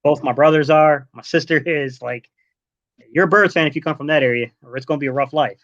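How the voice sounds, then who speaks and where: A man in his late thirties from Delaware, a guest in a casual sports podcast chat, relaxed and rambling, dropping "man" often. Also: fairly high pitch, fairly quick, dry recording. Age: 30s. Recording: dull lo-fi online call audio.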